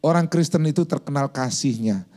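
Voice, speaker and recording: A male pastor preaching a sermon in a lively storytelling manner, acting out quotes and sound effects. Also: on the high side, a little fast.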